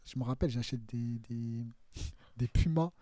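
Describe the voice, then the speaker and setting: A man in his thirties, a footballer guest on a podcast, telling anecdotes in an animated, casual way, mimicking voices and laughing often. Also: medium pitch, a little slow, no echo, clean studio sound.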